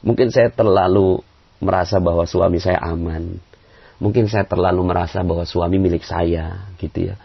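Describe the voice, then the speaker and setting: A man's voice: steady tone, normal speed, gravelly, husky. A man preaching to an audience in a conversational way, acting out quoted voices and chuckling often. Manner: conversational, acts out quoted voices with big pitch jumps; frequent fillers and chuckles. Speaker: Islamic preacher. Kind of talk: motivational religious talk. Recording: dull lo-fi audio.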